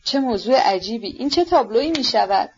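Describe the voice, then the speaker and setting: A woman's voice: on the high side, expressive, slightly rough. An eager young woman presses for a story in a slightly raised voice, as a woman narrator plays her. She sounds curious and insistent. The recording is dull and lo-fi. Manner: insistent, questioning.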